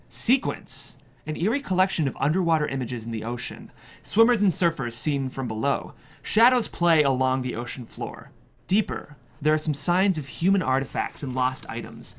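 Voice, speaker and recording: At a table read, a narrator with a medium-pitched voice reads the screenplay's stage directions in an expressive, measured way.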